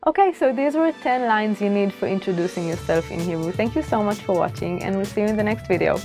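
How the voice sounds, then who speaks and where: A young woman teaching a language lesson to camera, repeating each phrase slowly and clearly before explaining it. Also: mid-range voice, expressive, a little mellow, soft background music. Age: 20s. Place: indoor studio, plain backdrop.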